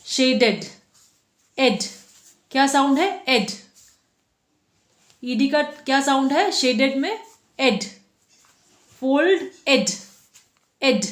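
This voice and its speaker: A woman's voice: high-pitched, animated, takes it slowly, pauses often, echoey room. A woman teaching a phonics lesson to children, patiently sounding out letters one by one and asking the class questions.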